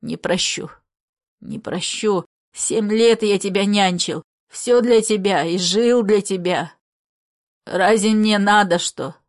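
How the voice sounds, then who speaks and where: A woman reading a story aloud, voicing a hoarse, guilt-ridden dying old grandfather who speaks in a despairing, pleading way. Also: fairly low pitch, slow pace, pauses often, pitched below the performer's own voice.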